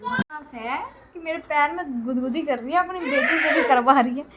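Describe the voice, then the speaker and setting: A woman's voice: high-pitched, animated, moderate pace, heavy background noise. A young woman chatting casually in her vlog, teasing and laughing often, recorded on a phone. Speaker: vlogger.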